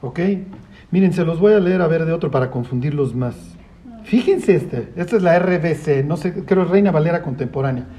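A man leads a relaxed Bible study. His voice sits high yet sounds warm and soft-edged. He keeps throwing rhetorical questions at the group. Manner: lively, asks rhetorical questions, acts out voices. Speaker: Bible teacher. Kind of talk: conversational Bible study teaching.

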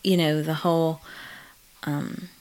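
A middle-aged woman from Malawi with a notably low voice chats in a casual interview about her experiences as a therapist in private practice. She is relaxed and reflective, pausing with small fillers and often saying "um" and laughing.

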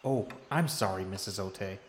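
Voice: deep voice, normal speed, close to an everyday voice. A performer playing an overeager, dim-witted man who gushes over everything he sees. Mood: excited. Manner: gushing, overexcited. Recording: roomy echo with faint noise.

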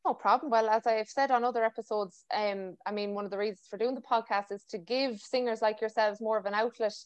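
A woman's voice: on the high side, fairly even intonation, fairly quick, clear, resonant tone, no echo. A woman with a West of Ireland accent hosting a podcast in a chatty, informal interview style. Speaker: podcast host. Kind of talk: casual interview chat.

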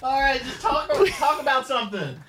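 A man's voice: very high-pitched, expressive, moderate pace, bright, forceful tone. A man hosting a comedy podcast, bantering and reading posts aloud in a crude, irreverent, profane way.

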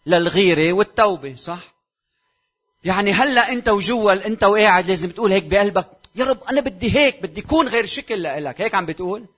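Lebanese pastor preaching with sharp swings. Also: male voice, high voice, expressive, quick pace. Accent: Lebanese Arabic. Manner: swings from loud exhortation to near-whispered asides; asks the congregation rhetorical questions. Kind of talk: sermon.

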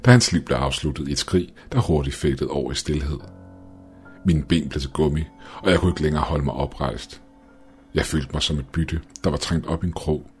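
A man reads a horror story in the first person, building tension with a dramatic delivery. His voice sits extremely deep and low. Soft music plays faintly underneath. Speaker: narrator.

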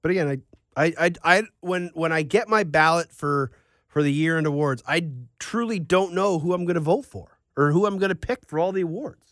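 Guy doing a sports podcast, kinda high voice, casual and rambly, really dry sound. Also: brisk, a bit bright, dry recording. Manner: rambling, conversational.

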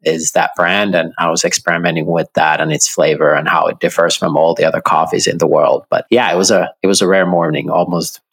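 A man from Finland with a Finnish accent, a guest telling his story in a relaxed, rambling way. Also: low voice, fairly quick, few pauses, husky. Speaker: guest, entrepreneur. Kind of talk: casual interview talk.

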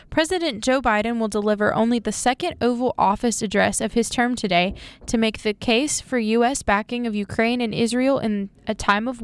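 A woman co-anchors a student radio newscast, her slightly high voice clear and crisp. She reads briskly and sometimes stumbles and restarts a word. The sound is dry and close, with no room around it. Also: no room sound. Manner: brisk news reading with occasional slips and restarts. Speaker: news anchor.

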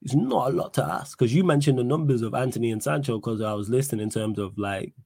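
A man with a London roadman accent hosts a casual live football chat. His voice is husky and sits at a middling pitch, recorded dry. He leans on street slang and repeats phrases to drive his points home. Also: fast, a little mellow, no room sound. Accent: London, urban slang. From United Kingdom. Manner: slangy street-style talk, repeats himself for emphasis. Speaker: host of a football fan livestream.

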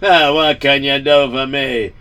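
A man's voice: medium pitch, fairly even intonation, pushed and bright, smooth, recorded from a distance. A man voicing an arrogant, boastful rich man who demands special treatment, in an improvised story. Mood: indignant. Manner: haughty, indignant, drawn-out exclamations.

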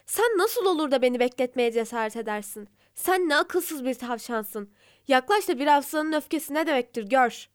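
A woman's voice: high-pitched, lively intonation, moderate pace. A woman voicing a furious, boastful male lion king in a storybook fable. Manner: roaring, boastful.

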